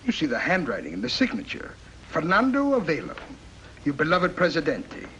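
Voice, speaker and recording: An actor playing a smug, scheming foreign diplomat in a 1950s radio drama. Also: male voice, on the high side, wildly swooping pitch, fairly quick, a bit bright, lo-fi sound, slight background noise. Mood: taunting. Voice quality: smug, mocking.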